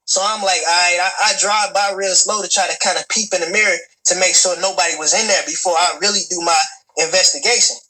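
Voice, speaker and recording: A man's voice: high-pitched, bright, forceful tone, poor audio. A man in his twenties telling a long personal story in a profane, rambling way, stammering, restarting and turning to talk straight to his listeners. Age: 20s. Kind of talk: casual storytelling.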